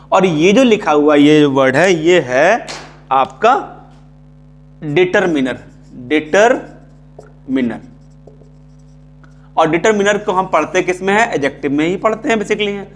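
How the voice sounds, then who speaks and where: Higher-voiced Indian man teaching English grammar. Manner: repeats key terms, checks in with "ठीक है". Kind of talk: casual classroom lecture.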